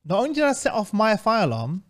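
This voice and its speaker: London roadman guy, kinda high voice, animated, slangy sweary storytelling, just chatting. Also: quick pace. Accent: London roadman, urban slang. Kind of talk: casual storytelling chat.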